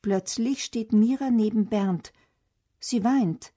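A woman reading a children's story aloud in a gentle, even way. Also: on the high side, slow.

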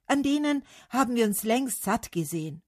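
A woman voicing a chorus of eager, complaining trees who call out excitedly in a storybook reading. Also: fairly high pitch, moderate pace, no echo, studio quality, voice pushed up. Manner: excited, calling out.

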